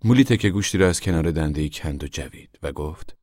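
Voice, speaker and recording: A man reading a novel aloud in calm, measured scripted narration. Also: very deep voice, no echo, clean studio sound. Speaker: audiobook reader.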